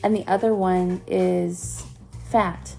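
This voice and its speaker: A woman's voice: on the low side, flat delivery, slow pace, vocal fry, warm tone, soft background music, low-quality recording. A young adult woman co-hosting a podcast in casual chat, jokey and laughing often. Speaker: podcast co-host.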